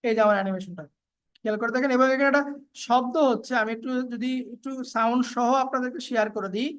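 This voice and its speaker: Woman, slightly high voice; relaxed screen-tutorial narrator, halting with fillers. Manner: casual, step-by-step, with frequent fillers and repeats. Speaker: video editing tutor. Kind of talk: screen-recorded software tutorial.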